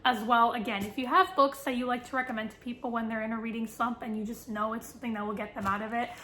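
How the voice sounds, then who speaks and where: Chatty woman book vlogger, slightly high. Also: fairly even intonation, quick pace, bright, forceful tone, reverberant. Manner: chatty, filler-heavy, self-deprecating. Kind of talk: casual chat to camera.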